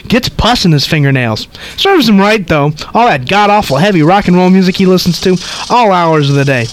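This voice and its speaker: A woman's voice: lowish voice, expressive, brisk, no echo, natural voice. A man voicing a nosy, rambling old woman who chatters and cackles, tacking "though" onto her sentences. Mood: gossipy.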